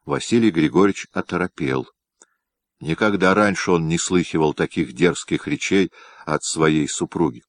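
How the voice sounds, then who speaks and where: A man narrating a historical novel aloud in a measured, expressive reading. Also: low voice, no echo. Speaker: audiobook narrator.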